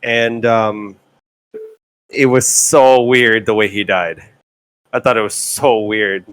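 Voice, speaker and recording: Excitable man in a dry room. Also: lowish voice, slow pace, clear, resonant tone, no echo. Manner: excitable, repeats words. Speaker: podcast co-host. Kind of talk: casual chat.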